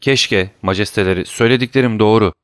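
A man's voice: lowish voice, quick pace, fairly bright tone, no room sound, clean studio sound, lightly acted. A man voicing a frightened male government minister who mumbles and pleads before his king. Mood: fearful, pleading.

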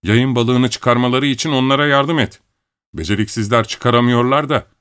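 A man voicing an impatient, bossy middle-aged landowner who shouts and scolds his workers. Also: mid-range voice, fairly even intonation, normal speed, smooth, voice pushed up, close to an everyday voice. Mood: commanding.

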